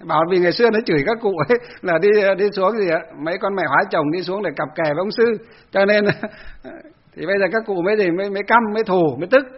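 Husky-voiced monk. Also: male voice, high voice, fast, dull audio. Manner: storytelling, conversational, acts out quotes. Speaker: Buddhist monk. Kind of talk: dharma talk to lay Buddhists.

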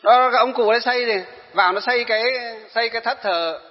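A man's voice: very high-pitched, fast talker, faint music behind. A man, a Buddhist monk telling a story in a sermon and asking his listeners questions. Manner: animated, addresses listeners with questions. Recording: dull reverberant hall.

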